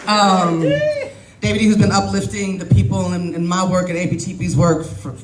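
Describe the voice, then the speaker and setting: A woman's voice: lowish voice, steady tone, fast, background noise. Emphatic woman giving a rally speech. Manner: emphatic, off the cuff, laughs often. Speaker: political candidate. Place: large indoor event hall. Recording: echoey hall with crowd and music.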